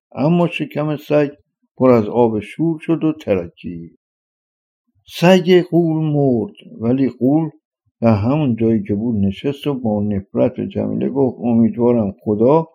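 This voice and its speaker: A man narrating a folktale in a steady, measured storyteller manner, on slightly dull audio. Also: fairly low pitch, vocal fry.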